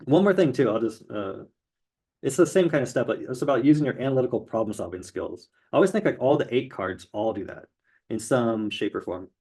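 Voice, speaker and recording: A man's voice: medium pitch, animated, a little fast, mellow, husky. A man teaching tarot card meanings in a loose, rambling explainer with many fillers. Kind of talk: casual explainer lesson.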